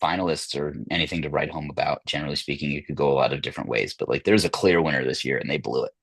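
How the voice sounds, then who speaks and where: A man's voice: rumbling low, very fast, vocal fry, fairly bright tone, slightly rough, no room sound. A man hosting a podcast, chatting casually about film awards in a rambling, hesitant way with many fillers. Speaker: podcast host.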